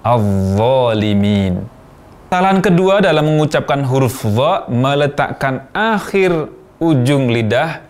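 Radio tutor, male, patient and deliberate, repeats sounds for the listener. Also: medium pitch. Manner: slow, careful demonstration of sounds. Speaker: Quran pronunciation teacher. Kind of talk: radio pronunciation lesson.

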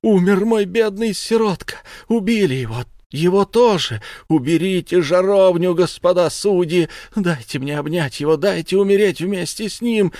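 A man's voice: sits high, normal speed, few pauses, darkish tone, no room sound, studio quality, voice pushed up. A man reading an audiobook voices a widowed peasant mother who wails and pleads desperately with the judges. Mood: frantic wailing. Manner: wailing, sobbing cries and desperate pleas.

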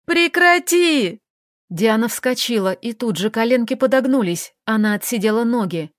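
A woman narrating an audiobook in a measured, expressive reading. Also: a little high, dry recording, clean studio sound.

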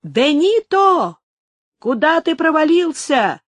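A woman voicing a crowd of quarrelling male laborers who shout and curse, in a story reading. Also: sits high, very animated, takes it slowly, no room sound, pitched above the performer's own voice, full character voice. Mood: angry. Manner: shouting, cursing.

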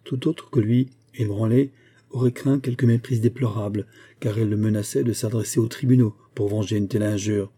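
A man narrating a classic novel as an audiobook, in a measured, expressive reading. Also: on the low side, breathy edge.

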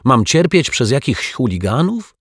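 An excitable young boy, bold and eager, calling out in a high, loud voice, as a male storybook narrator puts him on. He sounds keen and impatient, in a dry, close recording. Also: a little slow, no room sound. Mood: whining. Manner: shouting eagerly.

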